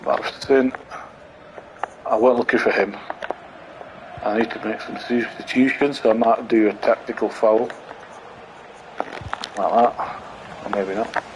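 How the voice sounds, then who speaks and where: A man's voice: lowish voice, unhurried, long pauses, noisy background. A man hosting a gaming channel, chatting to viewers in a rambling way while commentating a football video game. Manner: excitable bursts at goals.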